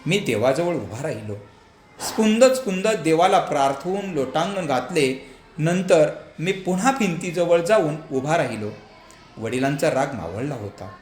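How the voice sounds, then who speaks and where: A man narrating a storybook aloud in an expressive, lively way. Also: fairly high pitch, normal speed. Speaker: story reader. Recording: echoey room, faint background hum.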